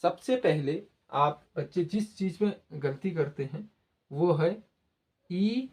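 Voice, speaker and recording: A man's voice: a little high, lively intonation, slow, a little mellow. A man teaching a grammar lesson to students, patiently repeating points and speaking straight to the listeners. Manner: patient, repetitive, addresses listeners directly. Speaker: Hindi teacher.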